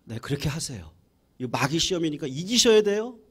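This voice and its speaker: A man voicing a calm, patient older male country pastor who speaks gently and persuasively. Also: fairly high pitch, fairly quick, breathy edge, exaggerated voice. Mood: gentle.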